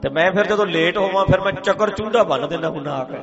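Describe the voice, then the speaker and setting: A man preaching a sermon, emphatic and humorous, swinging from loud declarations to soft asides. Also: high voice, fast talker. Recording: muffled with music behind.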